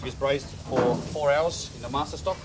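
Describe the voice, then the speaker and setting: A man's voice: mid-range voice, normal speed, over loud music. A male head chef talking informally about kitchen work, blunt and matey. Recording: noisy kitchen background.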